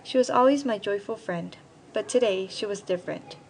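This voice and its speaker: A teenage girl from Korea reads her personal essay aloud at an even middle pitch. She takes an earnest, careful storytelling tone, as though reading from a page. A faint hiss sits under her voice. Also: fairly quick, low-quality recording. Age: young teen. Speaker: student essayist.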